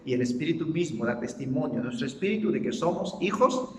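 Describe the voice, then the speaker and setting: Male pastor, relaxed joking sermon, slightly high voice, distant roomy church sound. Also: brisk, slight background noise. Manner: conversational, jokey preaching with acted-out prayers. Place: church hall.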